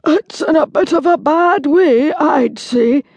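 A woman's voice: high voice, slow, gravelly, darkish tone, dry recording, voice pushed up, exaggerated voice. A woman voicing a portly, out-of-breath village postman in a children's audiobook. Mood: fretful. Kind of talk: audiobook character voice.

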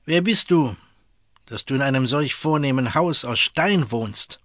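A man's voice: mid-range voice, expressive, moderate pace, fairly bright tone, no room sound, studio quality. A man voicing a cruel, envious bailiff who speaks in an imperious, angry tone, in a storybook reading. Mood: domineering.

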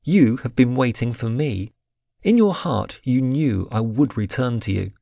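A man voicing a stern young warrior in an audiobook, firm, measured and authoritative. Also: mid-range voice, big pitch swings, gravelly, darkish tone, breathy edge, no echo, studio quality, exaggerated voice. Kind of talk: audiobook character voice.

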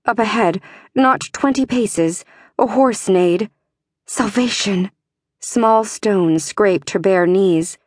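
A woman narrating a fantasy audiobook in a measured, tense way. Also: medium pitch, darkish tone, no room sound, studio quality.

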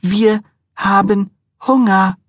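A man voicing a demanding, heavily pregnant young woman with late-night cravings, shrill and bratty. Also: steady tone, slow pace, no room sound, clean studio sound.

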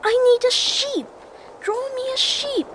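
A woman's voice: very high voice, expressive, measured pace, background noise. A woman playing a small, innocent boy prince from another planet in a radio drama, insistent and full of questions.

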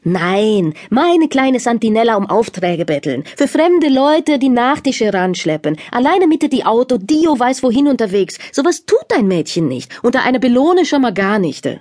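A woman voicing a hot-tempered older Italian father who owns a restaurant, speaking broken German with an Italian accent and loud outbursts. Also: mid-range voice, sing-song, normal speed, gravelly, few pauses, breathy edge, heavily acted. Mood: grumbling.

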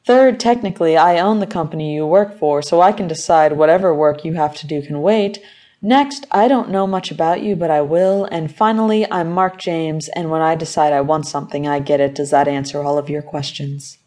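A woman's voice: low-pitched, moderate pace, mellow, natural voice. Woman voicing a smug, commanding rich boss. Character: arrogant wealthy male company owner.

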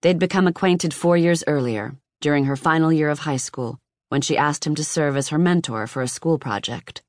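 An audiobook narrator giving a measured, even reading of nonfiction, recorded close in a booth. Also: mid-range voice, dry recording.

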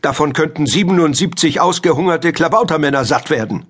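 A man's voice: brisk, fairly bright tone. A man voicing a stern, nagging old great-grandmother in a children's audiobook. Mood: scolding. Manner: shrill, nagging complaints. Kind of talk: audiobook character voice.

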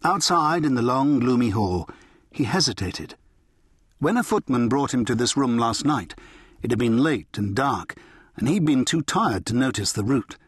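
Husky man narrating an audiobook. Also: medium pitch, expressive, no echo, studio quality. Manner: measured, storytelling. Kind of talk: scripted narration.

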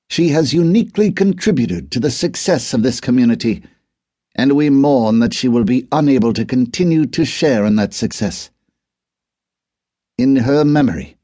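A man's voice: medium pitch, warm tone, dry recording, clean studio sound, pitched above the performer's own voice, lightly acted. A man voicing a grieving, proud older father who speaks stiffly and formally, and whose anger comes out as a hiss. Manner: stiff formal speechmaking, turns to hissed fury.

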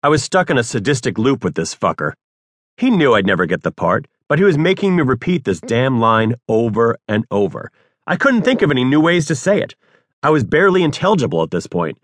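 A man narrating his own memoir as an audiobook, with wry, deadpan humor. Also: mid-range voice, a little fast, no room sound.

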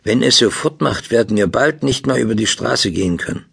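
A man voicing a kind, hardworking young weaver in an audiobook, speaking in a friendly, helpful way with a gravelly, husky voice. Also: mid-range voice, lively intonation, fairly quick, fairly bright tone, exaggerated voice. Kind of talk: audiobook dialogue.

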